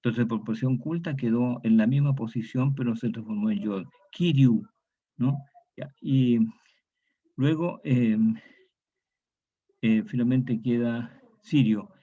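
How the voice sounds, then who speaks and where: Slow-paced, with a medium pitch and a dark, slightly rough tone, a man gives an online class on historical grammar. Repeating each key word, he often turns statements into tag questions, all in a dull lo-fi recording.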